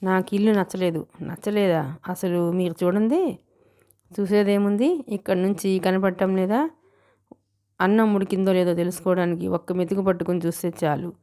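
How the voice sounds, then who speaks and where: A woman's voice: mid-range voice, fairly even intonation, moderate pace, warm tone, lightly acted. A woman voicing a sulky, stubborn young groom who complains petulantly in an audiobook story. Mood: disgusted.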